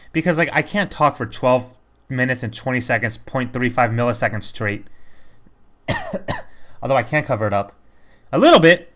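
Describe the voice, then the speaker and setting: A man's voice: mid-range voice, a bit bright. A man giving casual, rambling commentary over a video game playthrough, chatty and self-critical. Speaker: let's play commentator.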